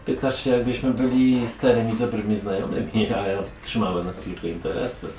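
A man's voice: lowish voice, level tone, a little fast, darkish tone, close to an everyday voice. A man voicing a sarcastic, condescending young woman from a merchant family in a tabletop game. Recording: echoey room, mic far off, music behind.

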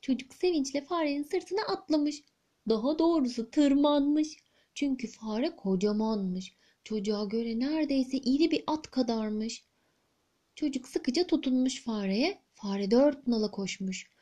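A woman storyteller narrating a fairy tale in an expressive, lilting read-aloud manner. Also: high voice, a little slow.

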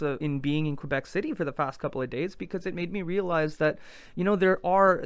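A man's voice: a little high, clear, resonant tone, dry recording. A man hosting a podcast, talking in an earnest, reflective way and often restarting his sentences. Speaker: podcast host. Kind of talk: casual conversation.

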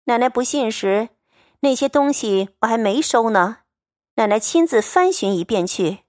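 A woman voicing a clever, sharp-tongued young maidservant who teases in a playful, raised voice. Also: a little high, lively intonation, normal speed, no echo, studio quality, lightly acted. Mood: teasing. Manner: teasing, playful.

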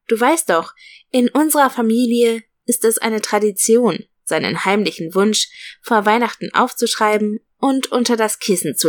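A gentle, affectionate aunt in a storybook, soothing a child at bedtime, as a woman reads her lines. Her speech stays soft and reassuring throughout. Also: medium pitch, lightly acted. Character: warm, gently teasing aunt, adult woman.

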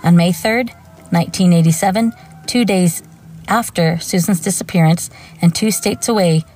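A woman's voice: lowish voice, normal speed, a little mellow, faint music behind, poor audio. A woman hosting a true crime show, reading scripted narration broken up by informal, wry asides. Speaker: true crime podcast host.

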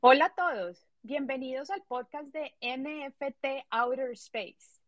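A woman's voice: a little high, dry recording. A woman hosting a podcast, reading a guest introduction and asking friendly questions. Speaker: podcast host. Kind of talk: interview hosting.

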